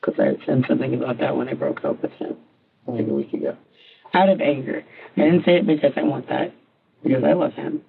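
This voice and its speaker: A woman giving a halting, rambling statement in a police interview, recorded on a tinny line. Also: a bass voice, sing-song, gravelly, slightly rough. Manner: halting, rambling, filler-heavy.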